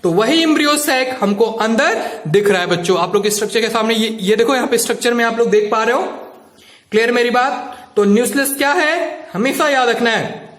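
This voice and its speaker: Man, very high voice, biology teacher, repetitive quizzing, echoey room. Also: fairly bright tone. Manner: repetitive, quizzing students with questions. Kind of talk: classroom lecture.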